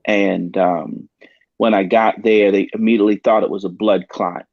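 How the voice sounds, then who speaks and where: Earnest pastor with a low voice. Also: male voice, fairly even intonation, creaky, no echo, dull audio. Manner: earnest, halting storytelling with many ums. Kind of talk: telling a personal story in a talk show.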